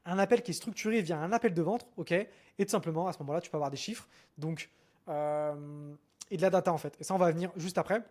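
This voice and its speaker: A man's voice: a little high, a little mellow. A man coaching on marketing funnels in a casual, filler-heavy way, often checking in with "ok?". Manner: fast, informal, many fillers and restarts, addresses viewer with "ok?". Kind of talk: screen-share marketing lesson.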